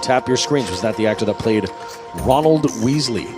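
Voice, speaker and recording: A man's voice: medium pitch, normal speed. A man running a pub trivia night in a burger bar, reading questions to teams, laughing and teasing the players. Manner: lively, laughs often, teasing. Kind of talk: reading quiz questions to teams, casual banter. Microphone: microphone at a venue table. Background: music playing.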